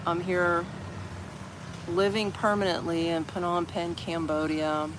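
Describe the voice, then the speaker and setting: A slightly high, level-toned man speaks slowly to his live-stream audience. He's an American expat from Orlando, Florida, rambling casually and greeting newcomers from steps in a busy city park, with street and traffic noise from the outdoor setting.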